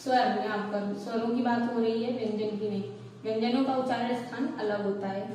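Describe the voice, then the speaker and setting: A woman's voice: fairly high pitch, steady tone, a little fast, dark tone. Woman teacher going step by step, lots of echo, faint hiss behind. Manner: explains step by step, often checks with "ठीक है". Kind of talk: classroom lesson. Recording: echoey room, voice from far off the mic.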